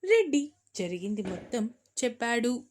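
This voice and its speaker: A woman narrating a romance story in a steady, expressive reading voice. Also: on the high side, normal speed.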